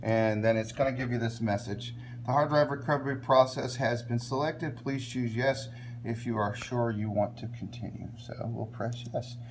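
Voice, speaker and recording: A man hosting a step-by-step tech tutorial, plain and relaxed, often checking in with "okay?" as he works on a laptop at a workbench. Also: mid-range voice, normal speed, slight background noise. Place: indoors at a workbench filming a laptop screen.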